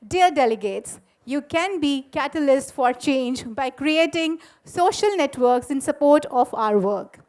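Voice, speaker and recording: A woman giving a measured, earnest formal address to conference delegates in a school auditorium. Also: high voice, animated, darkish tone.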